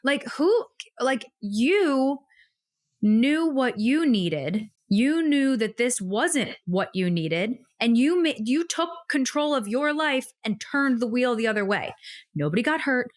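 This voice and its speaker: A woman's voice: a little high, lively intonation, takes it slowly, dry recording, clean studio sound. A young woman co-hosting a casual podcast, talking emphatically with lots of "like" fillers, emotional and pregnant. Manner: emphatic, pep-talk delivery with frequent "like" fillers. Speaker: podcast co-host.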